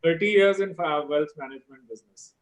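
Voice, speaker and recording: A middle-aged man with an Indian accent talks as a guest on a video call. His voice sits a little high. He is agreeable and conversational, often doubling words for emphasis. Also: brisk, low-quality recording. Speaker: guest speaker, life coach. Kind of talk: conversational interview.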